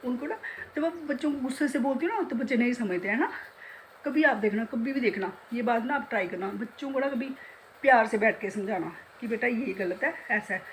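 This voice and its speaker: A woman's voice: a little high, brisk, a little hiss or hum, poor audio. A middle-aged woman chatting casually in a home vlog, talkative and self-mocking, often breaking into laughter. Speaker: vlogger, beauty salon owner.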